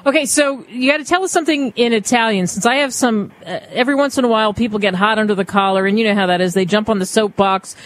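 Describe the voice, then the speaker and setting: A radio host from the Philadelphia area, chatty and quick, asking questions with laughing asides in a casual interview. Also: medium pitch, a bit bright, rough recording.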